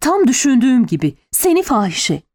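A woman's voice: sits high, big pitch swings, moderate pace, darkish tone, voice pushed up. A woman voicing a furious, jealous noblewoman who shrieks accusations in an audiobook.

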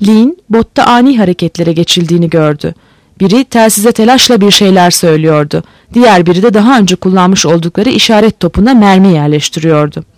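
An audiobook narrator reading a novel in a steady storytelling manner. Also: mid-range voice, brisk, no echo. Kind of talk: scripted narration. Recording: dry close recording.

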